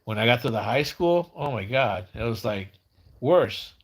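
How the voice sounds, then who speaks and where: A man in his fifties chatting casually as a live stream host, with slurred, mumbling speech as if his tongue were half numb, halting and repeating words. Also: mid-range voice, lively intonation. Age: 50s.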